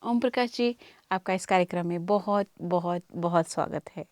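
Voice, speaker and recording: A woman hosting a studio music show, speaking in a calm, measured way and laughing softly now and then. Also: fairly low pitch, dry recording. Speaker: show host and anchor.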